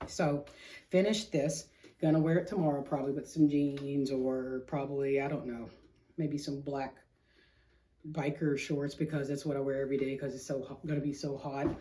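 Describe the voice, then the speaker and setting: A woman's voice: a bass voice, steady tone, moderate pace, mellow, slight background noise, poor audio. A middle-aged woman hosting a craft vlog, chatting casually in a rambling, slangy way with self-deprecating humor. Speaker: craft show host.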